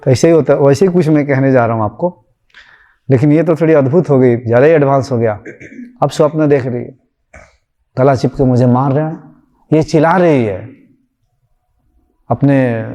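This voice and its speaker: A man's voice: mid-range voice, moderate pace, pauses often, warm tone. A man, a spiritual teacher, giving a conversational storytelling talk and acting out the voices of the people in his story.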